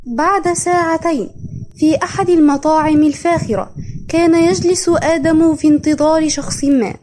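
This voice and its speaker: A young woman reads out a novel summary as narration, in a formal storytelling manner. Her voice is high and mellow. The tone is measured and even.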